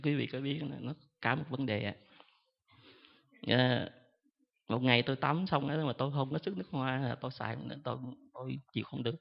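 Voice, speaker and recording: Gravelly monk in a hall. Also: male voice, medium pitch. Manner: chatty, self-mocking, fills pauses with drawn-out "à". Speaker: Buddhist monk. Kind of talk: storytelling dharma talk to an audience. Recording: dull lo-fi sound in a long reverberant hall.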